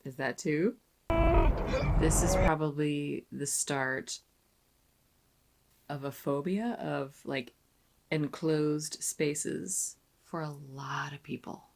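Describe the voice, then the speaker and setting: A woman's voice: low-pitched, slow, creaky, long pauses, a little mellow. A woman giving casual movie reaction commentary, musing and making wry asides. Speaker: film reaction host. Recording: noisy, with clicks.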